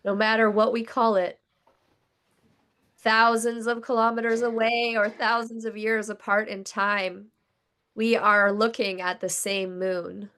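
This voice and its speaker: A hoarse woman giving the opening words of a sermon over a video call, in a gentle, measured reading voice. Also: medium pitch, level tone. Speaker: guest speaker.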